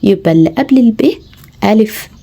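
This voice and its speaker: A woman's voice: mid-range voice, fairly quick, warm tone, husky. A woman with an Egyptian Arabic accent, teaching mothers how to tutor their children, patiently spelling out letters one by one. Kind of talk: home tutoring lesson.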